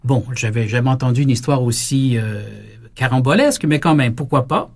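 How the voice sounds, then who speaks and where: Québécois priest telling a story. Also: male voice, mid-range voice, normal speed. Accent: Québécois French. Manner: lively storytelling, acting out quoted dialogue. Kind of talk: storytelling sermon.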